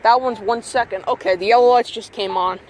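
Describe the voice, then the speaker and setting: A man's voice: high-pitched, fairly even intonation, a little fast, poor audio. A man giving chatty, exclaiming casual commentary as a vlogger outdoors at a street intersection. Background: traffic and street noise.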